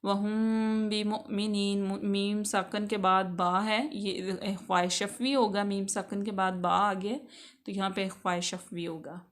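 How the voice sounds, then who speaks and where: A woman teaching recitation rules, talking slowly and patiently. Her pitch barely moves, so her explanations come out flat and steady. She repeats each word to demonstrate it. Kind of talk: tajweed lesson, explaining then reciting.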